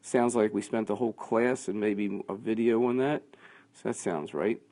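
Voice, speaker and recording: Low-voiced man explaining quiz answers. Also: fairly even intonation, moderate pace, warm tone. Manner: thinking aloud, conversational, with fillers. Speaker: teacher. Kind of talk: lecture walking through quiz answers.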